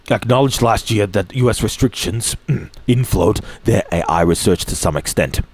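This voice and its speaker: A streamer with a somewhat low voice reads news articles aloud, often stumbling, restarting phrases and clearing his throat. Between quotes he occasionally slips in a dry, offhand remark, and there is no room sound.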